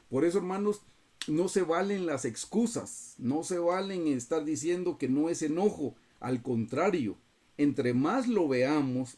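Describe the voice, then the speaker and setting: Male Bible teacher, slightly high, mellow tone, earnest preaching over video call. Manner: earnest, repeatedly addresses listeners as brothers.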